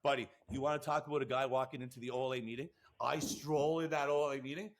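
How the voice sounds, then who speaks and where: A man, a lacrosse podcast co-host and coach, telling rambling, excitable stories full of acted-out quotes and swearing. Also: medium pitch, quick pace. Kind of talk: animated storytelling.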